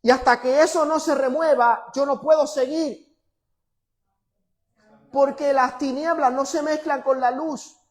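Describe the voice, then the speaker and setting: A male pastor, preaching a sermon to a congregation. He moves from loud, emphatic scripture reading to quiet, teasing asides. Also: extremely high pitch, steady tone, a little slow. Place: church before a congregation.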